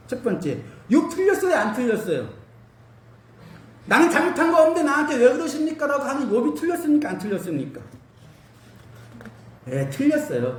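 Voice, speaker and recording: A male pastor giving an animated sermon, asking his congregation questions and using everyday cooking comparisons, in a church hall. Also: extremely high pitch. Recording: roomy hall, mic at a distance.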